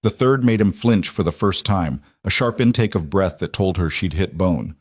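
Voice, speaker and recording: Low-voiced male audiobook narrator. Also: a little mellow, no echo, clean studio sound. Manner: measured, dramatic storytelling.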